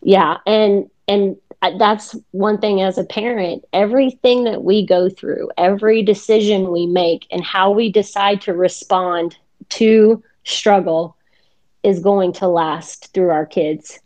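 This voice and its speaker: A woman's voice: mid-range voice, steady tone, slow pace. A woman hosting a casual faith chat, telling stories and laughing often. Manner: warm storytelling, laughs often. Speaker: podcast host. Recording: dull lo-fi sound.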